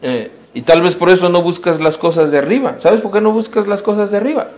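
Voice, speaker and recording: Pastor, male, fairly high voice, emphatic sermon delivery with repeated rhetorical questions. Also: fairly quick, darkish tone. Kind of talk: sermon to youth. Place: church.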